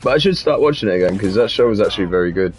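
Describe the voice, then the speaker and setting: A man with a very deep voice commentates his gameplay stream, joking and swearing as he swings through the game. His pitch moves in lively jumps, with faint game music behind. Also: very fast. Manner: joking and profane.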